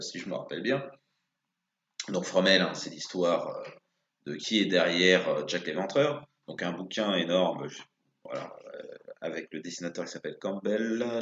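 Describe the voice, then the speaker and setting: A man's voice: sits low, a bit bright. A man giving a casual spoken commentary on comics, rambling with many hesitations and restarts. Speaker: video blogger commenting on comics. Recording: roomy, dull lo-fi sound.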